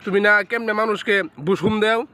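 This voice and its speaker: A woman's voice: medium pitch, steady tone, fast, background noise. A woman playfully coaxing a small child, asking him question after question in casual talk. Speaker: parent filming her toddler.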